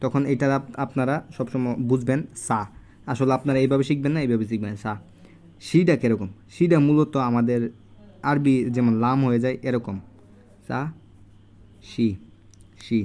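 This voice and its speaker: A man giving a casual handwriting lesson at home, recorded on a phone, slowly repeating each syllable as he writes. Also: mid-range voice, mellow. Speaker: language teacher. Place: home room.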